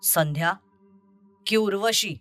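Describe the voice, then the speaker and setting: A woman voicing an angry young man who confronts his deceitful ex-lover in an audio story, over soft music. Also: mid-range voice, slow. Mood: accusing. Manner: accusing, bitter and confrontational.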